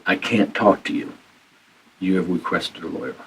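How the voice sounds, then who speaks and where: Low-voiced detective on old interrogation tape. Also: male voice, steady tone, normal speed. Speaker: police detective. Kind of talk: police interrogation. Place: police interrogation room. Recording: distant mic, faint hiss in interrogation room.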